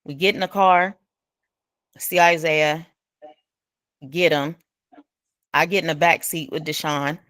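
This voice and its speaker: A woman casually retelling an awkward evening to someone, acting out quoted speech and talking in an informal, relaxed way. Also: no room sound, clean studio sound. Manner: animated, acts out quoted speech with big pitch jumps; informal speech with dropped verb endings. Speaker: storyteller recounting an incident.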